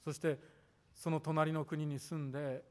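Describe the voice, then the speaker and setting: A man preaching a sermon as pastor, measured and formal, drawing out the ends of his sentences. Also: on the high side, level tone, darkish tone. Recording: echoey hall reverb.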